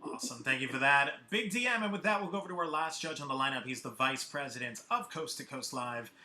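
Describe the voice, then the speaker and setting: A man's voice: mid-range voice, lively intonation, fast talker, bright, forceful tone. A man hosting a live online music competition over a video call, introducing judges and artists with an upbeat announcer delivery. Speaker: host.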